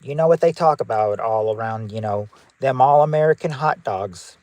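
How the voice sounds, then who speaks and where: Man, livestream game host, upbeat and chatty, greets chat by name, mid pitch, dry close sound from his car. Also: normal speed, a little mellow, dry recording. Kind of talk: casual game show hosting on a livestream. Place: in his car parked outside a courthouse.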